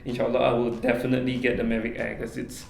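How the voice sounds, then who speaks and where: A man's voice: mid-range voice, monotone, quick pace, vocal fry. Young Malaysian male vlogger, chatty Q&A delivery, mid voice, roomy sound. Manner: friendly, chatty, reads out viewer questions. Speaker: travel vlogger. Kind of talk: casual Q&A vlog talk. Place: small office room.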